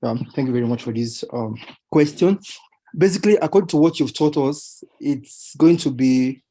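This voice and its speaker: A man speaks in a soft-edged, mellow voice. He answers politely and haltingly as a participant in an online training session. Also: mid-range voice, poor audio. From Kenya. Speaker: workshop participant.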